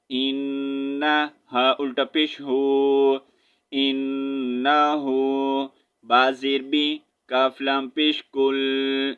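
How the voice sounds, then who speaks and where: Teaching a Quran lesson in a Pakistani Urdu accent, a man slowly spells out syllables and chants verses in a drawn-out melody. His voice is medium-pitched, slightly bright, clear and resonant, though the audio is dull.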